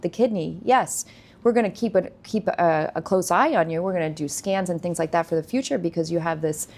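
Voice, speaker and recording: A woman telling a long story in a casual interview, animated, acting out what other people said. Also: on the low side, fairly quick. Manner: animated storyteller, acts out quoted speech. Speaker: guest, nursing company founder.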